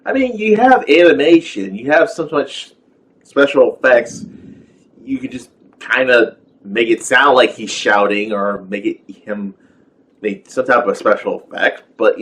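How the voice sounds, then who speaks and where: Male reviewer, unhurried and rambling, mid-range voice, casual complaint. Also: medium pitch, a bit bright, low-quality recording. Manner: rambling, filler-heavy, with exasperated rhetorical questions. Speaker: film reviewer. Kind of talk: casual rant.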